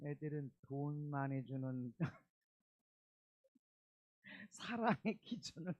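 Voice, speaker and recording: A man's voice: a little high, animated, slow pace, darkish tone, no room sound, dull audio. A male pastor preaching a Sunday sermon in a church, emphatic and repeating his key words. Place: church sanctuary.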